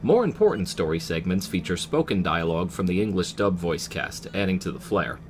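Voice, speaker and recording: American guy doing game review voiceover, deep voice, really animated, bit wry, slight noise. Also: fairly quick. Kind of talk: scripted retro game review narration.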